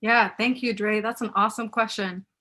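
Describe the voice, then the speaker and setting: A Puerto Rican woman, an author, keeps things casual on a video call as she answers her audience's questions live. Her medium-pitched voice has fairly even intonation, a normal pace and a sharp edge. She laughs frequently and drops in Spanish words.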